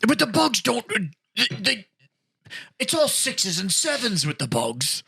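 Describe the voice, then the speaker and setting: A man voicing a proud, quarrelsome male ork warrior who craves worthy foes, rasping and gravelly, mocking and trash-talking in ork slang, in an improvised in-character debate. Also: sits high, huge pitch swings, a little slow, sharp tone, pitched above the performer's own voice, heavily acted. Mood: scornful.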